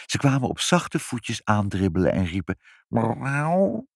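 A man reading a children's story aloud in an animated, expressive way. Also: sits low, moderate pace, dry recording, studio quality.

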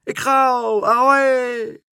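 A man voicing a brash, impatient male seagull with a wooden leg, shouting in a storybook reading. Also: extremely high pitch, flat delivery, slow, vocal fry, smooth, no echo, studio quality, pitched above the performer's own voice, full character voice. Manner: shouting, hasty.

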